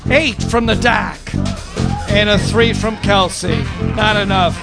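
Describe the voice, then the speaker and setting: A high, gravelly male host swings his voice wildly up and down as he emcees a live open mic contest. He is playful and hyped with the crowd. Loud guitar music plays behind him. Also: huge pitch swings, slow pace. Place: live venue with a band.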